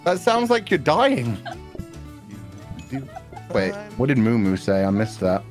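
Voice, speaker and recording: A man's voice: medium pitch, huge pitch swings, slow pace. A man streaming a game, chatting casually and teasing his co-player, swearing a lot and laughing often. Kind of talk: casual gaming chat. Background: game music.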